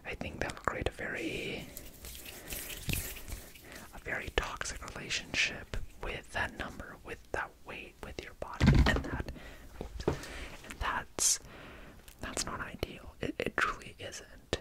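A young man gives a casual ASMR ramble in a fast whisper, jumping along loosely, close to a desktop microphone. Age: young adult. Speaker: ASMR creator. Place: small home room indoors. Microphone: desktop condenser microphone, close up.

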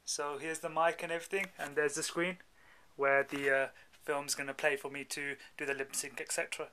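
Young British male vlogger, forward bright tone, pitched a bit high, informal and chatty with plenty of slang. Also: level tone, fairly quick, slight background noise. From England. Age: young adult. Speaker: film actor, vlogger. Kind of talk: casual video diary. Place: dubbing studio rooms and inside a parked car. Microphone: handheld camera at arm's length.

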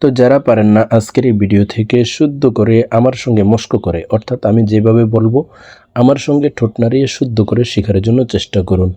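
A man teaching Quran recitation, spelling out syllables slowly and chanting verses high and drawn out. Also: warm tone, no echo. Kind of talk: slow spelled-out recitation lesson.

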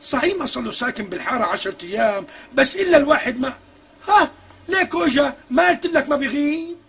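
An actor with a Syrian accent playing a chatty, courteous neighborhood shopkeeper who loves to gossip in a TV comedy. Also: male voice, very high voice, animated, fast, vocal fry, fairly bright tone, exaggerated voice. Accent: Syrian Arabic. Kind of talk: TV comedy acting.

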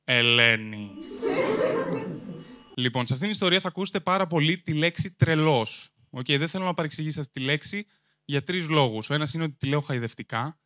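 A man's voice: on the high side, sharp tone. A young adult man from Greece doing stand-up, telling a long story to a live audience and bantering crudely with the crowd while holding a microphone. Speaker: stand-up comedian and host. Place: comedy stage before a live audience. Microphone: handheld microphone.

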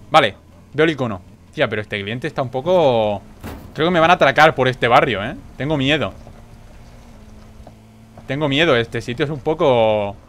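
A young man with a Spain Spanish accent giving excitable gameplay commentary, full of quick exclamations and swearing. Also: mid-range voice. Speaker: gaming YouTuber.

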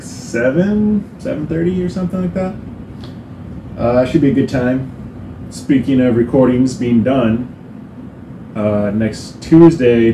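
Indoors on a hot day, a man gives a casual band update into a camera mic rather than a lapel mic, with reverberation and background noise in the recording. His mid-range voice rambles through many fillers, laced with dry, self-mocking sarcasm.

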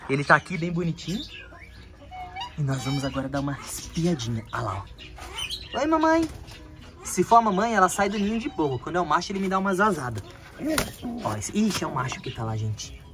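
Chatty man with a lively voice. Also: high voice, fairly quick, long pauses, over music. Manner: chatty, coos at the birds in baby talk. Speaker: bird keeper and vlog host. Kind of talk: casual vlog tour of his aviaries. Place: outdoors among bird enclosures.

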